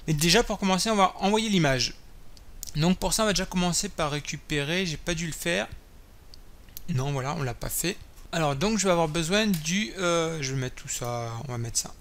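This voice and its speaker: A man's voice: on the high side, a bit bright, a little hiss or hum. A man hosting a coding tutorial, thinking aloud while typing, with many fillers and self-corrections. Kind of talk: screen-recorded coding tutorial. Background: keyboard typing and clicks.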